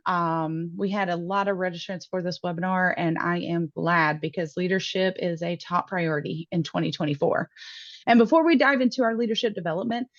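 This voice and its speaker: A woman moderating a webinar over a video call, upbeat and quick to laugh. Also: medium pitch, no room sound. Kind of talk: webinar hosting. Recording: muffled online call audio.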